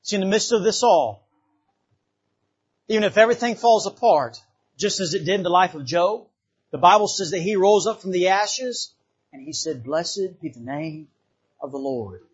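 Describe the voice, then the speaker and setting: In church, a fervent Bahamian man preaches a revival sermon in a high, slightly husky voice, expressive and at a moderate pace. He repeats himself and often calls out amen. The recording sounds slightly dull.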